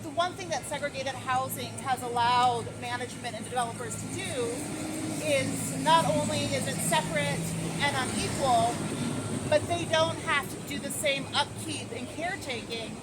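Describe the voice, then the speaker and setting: A middle-aged woman, a local resident advocate, leads a walking tour of her waterfront city street, speaking earnestly and thoughtfully in a high-pitched voice with many pauses and ums. It's filmed outdoors on a handheld camera, with loud traffic and construction noise in the background.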